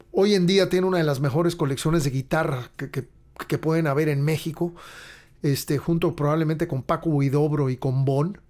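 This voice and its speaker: A middle-aged man with a Mexican accent, hosting a podcast and telling long, rambling anecdotes full of slang. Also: fairly high pitch. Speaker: podcast host and rock musician. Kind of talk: casual storytelling monologue.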